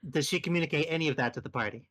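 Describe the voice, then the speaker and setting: A woman's voice: low voice, very fast. A woman improvising casual roleplay banter as a player in a tabletop game.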